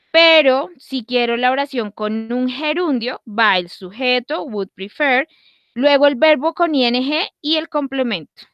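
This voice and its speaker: Woman, English teacher, online grammar lesson, higher pitch, frequent check-ins, slow careful examples. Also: fairly bright tone, dry recording. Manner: checks in often with short questions, slows down to read example sentences.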